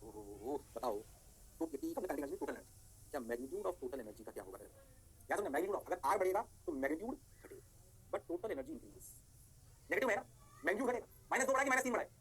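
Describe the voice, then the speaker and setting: A man teaching chemistry in an online lecture, energetic, answering his own questions in a students' voice and stressing points by slow repetition. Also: a little high, slightly rough. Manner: repeats words slowly for stress.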